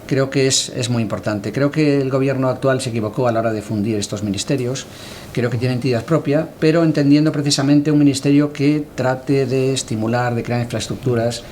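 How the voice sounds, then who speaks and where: A middle-aged man from Galicia, Spain, giving reflective interview answers as a cultural editor, measured and thoughtful with hesitant pauses. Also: mid-range voice, a little mellow, slight background noise.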